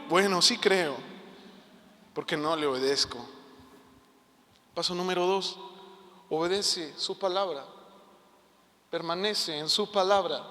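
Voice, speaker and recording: Bright high-voiced preacher. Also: male voice. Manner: impassioned, personal preaching with repeated rhetorical questions. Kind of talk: online sermon. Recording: long reverb of a hall.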